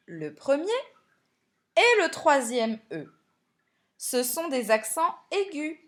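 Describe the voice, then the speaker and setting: A woman teacher giving a recorded spelling lesson to primary pupils, explaining slowly and clearly and speaking to them directly. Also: high voice, fairly bright tone.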